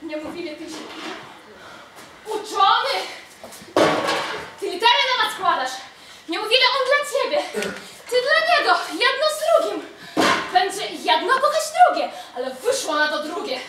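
Woman plays mocking peasant wife, very high, lively voice; noisy, distant echoey stage. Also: measured pace, long pauses, exaggerated voice. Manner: teasing, mocking. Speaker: student actress. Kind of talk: stage comedy acting.

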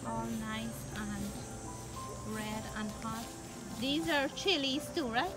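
A woman's voice: a little high, slow pace, poor audio. A Guyanese woman giving a chatty, admiring tour of a backyard garden while filming on her phone. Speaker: cooking channel host. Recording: background music under the voice.

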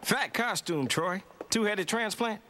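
Cocky, high-voiced young agent. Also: male voice, expressive, measured pace, music in the background. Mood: playful. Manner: streetwise, slangy, cocky. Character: brash, wisecracking young male secret agent. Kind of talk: animated series voice acting.

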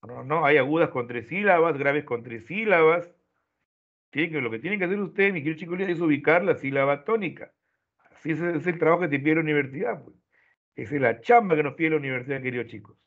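A man teaching an online class, explaining step by step and ending his points with quick checks to his students. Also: on the high side. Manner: explains step by step, tags lines with "¿no?". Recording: tinny phone-like online audio.

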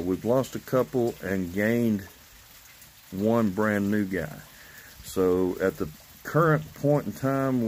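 A man in his fifties chatting casually and rambling through a vlog, recorded on a phone on a covered porch outdoors. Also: on the low side. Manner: rambling, loosely organized. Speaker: vlogger. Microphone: phone at arm's length. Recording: outdoor phone recording with steady background noise.

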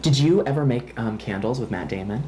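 A man's voice: medium pitch, animated, fairly quick, dark tone, slight background noise. A man hosting a comedic show, casually interviewing his guest with irreverent, joking remarks. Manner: joking, irreverent, mock-dramatic. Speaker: host.

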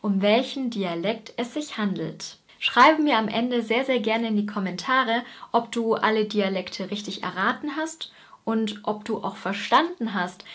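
A woman from Bavaria with a Bavarian accent, hosting a German dialect lesson and talking straight to her viewers. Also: fairly high pitch. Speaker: German teacher and video host. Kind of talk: scripted teaching presentation.

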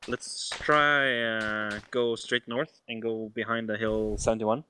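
A man in casual team chatter while playing a military shooter, excitable and prone to swearing. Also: lowish voice, slow, a little hiss or hum. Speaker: video game player. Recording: gunfire and clicks behind voice. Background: game gunfire.

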